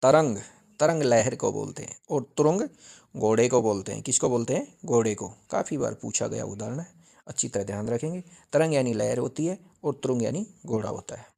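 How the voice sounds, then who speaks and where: A man's voice: medium pitch, expressive, moderate pace, vocal fry, mellow. A male teacher giving an exam-prep grammar lesson, repeating each point and asking questions that he answers himself. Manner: repetitive, drilling with question-and-answer.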